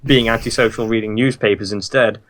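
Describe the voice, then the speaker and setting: A man's voice: fairly low pitch, steady tone, fairly quick, a bit bright. A man co-hosting a casual gaming podcast who talks in a blunt, sweary, opinionated way.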